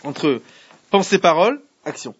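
High, husky man teaching a Torah class. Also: lively intonation, measured pace. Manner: questions the students, repeats himself, restarts. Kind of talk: Torah class in French with Hebrew readings. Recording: muffled lo-fi classroom recording.

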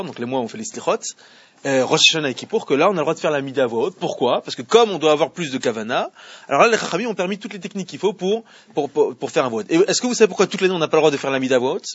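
Animated, fast-talking male religious teacher. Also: a little high, slightly rough, no echo, highs cut off. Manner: animated, explains by asking questions; chants Hebrew verses slowly. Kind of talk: Torah class with students.

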